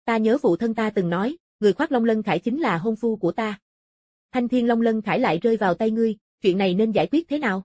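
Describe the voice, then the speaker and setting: A woman voicing a proud young dragon-clan princess in an audiobook, cool and composed in manner, in a slightly husky voice. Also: on the high side, fast, mellow, no echo, studio quality, lightly acted. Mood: calm.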